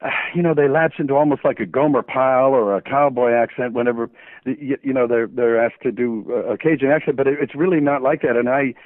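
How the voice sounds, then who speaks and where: A man's voice: medium pitch, steady tone, quick pace, no room sound. A man from New Orleans, a voice actor guest, telling jokey stories with chuckles over the phone. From New Orleans, USA. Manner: playful, jokey storyteller with frequent chuckles. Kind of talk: phone interview chat. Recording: tinny dry phone line.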